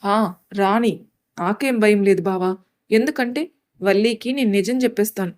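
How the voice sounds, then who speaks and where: A woman's voice: medium pitch, darkish tone, close to an everyday voice. A woman voicing a mischievous, stubborn young woman in a storybook. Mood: cheeky. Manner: cheeky, quick retorts.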